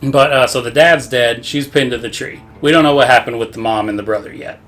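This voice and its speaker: A man's voice: medium pitch, fairly even intonation, fairly quick, fairly bright tone. A man casually recapping a video game story, rambling with lots of swearing and frequent laughter. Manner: rambling, profane, laughs often. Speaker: podcast co-host.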